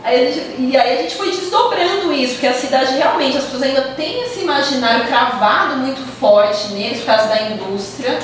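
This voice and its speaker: A woman's voice: sits high, fairly quick, hardly any pauses, a little hiss or hum. Chatty Brazilian woman in echoey room. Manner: talkative, animated, acts out quoted voices. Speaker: theater project researcher. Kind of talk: casual conversation. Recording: echoey room, distant mic.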